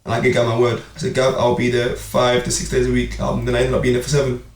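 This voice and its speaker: Medium-pitched and quick, a young amateur boxer and club player recounts his boxing experiences in a laid-back podcast conversation, repeating himself and leaning on street slang with lively energy. The mic is distant, the room echoes, and there is faint noise.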